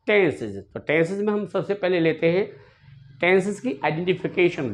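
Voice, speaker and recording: A male English teacher leads an online grammar lesson, drilling words through slow repetition and speaking fondly to his viewers. His voice is on the high side.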